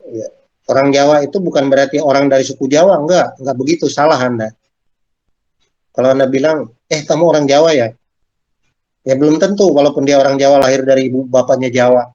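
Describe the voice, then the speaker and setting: A man's voice: mid-range voice, a little mellow, highs cut off. A male lecturer giving a conversational classroom lecture, posing questions and speaking directly to his students. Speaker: university lecturer.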